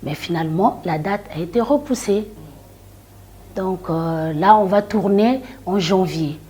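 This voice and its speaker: Answering interview questions, a middle-aged singer-storyteller from the Republic of the Congo falters, restarts, fills gaps with fillers and often trails off softly. Her medium-pitched voice is slightly rough and her pace measured.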